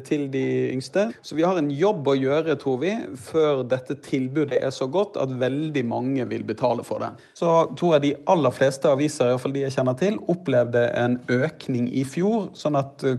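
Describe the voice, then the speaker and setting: Very gravelly, dark-voiced male editor. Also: mid-range voice. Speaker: newspaper editor being interviewed. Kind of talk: interview statement.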